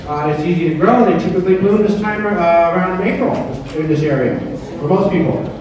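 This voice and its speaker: A man's voice: high-pitched, fairly quick, darkish tone, dull audio. A man working as an auctioneer, informally calling and repeating bids and chatting through descriptions of the lots. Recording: echoey room, distant microphone.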